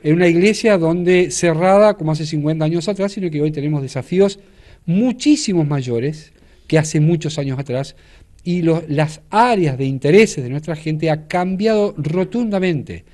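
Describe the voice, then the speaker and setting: A man's voice: a little high, moderate pace, darkish tone. A man, a church leader explaining an event in a TV news interview, with many fillers and restarts. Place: indoors in front of a studio backdrop.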